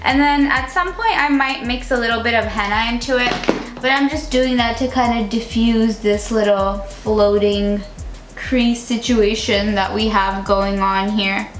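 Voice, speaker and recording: A beauty vlogger in her twenties chats casually through a makeup tutorial in a somewhat high voice at a slightly slow pace, saying "like" constantly. She's recorded in an echoey room with music playing behind her.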